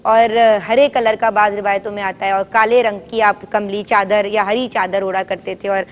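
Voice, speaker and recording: A woman hosting a children's program, telling stories and quizzing the kids, having them repeat the answers loudly. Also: mid-range voice, little pitch movement, in a large hall, a little hiss or hum. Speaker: children's show host. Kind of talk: teaching children in call-and-response. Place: television studio with children.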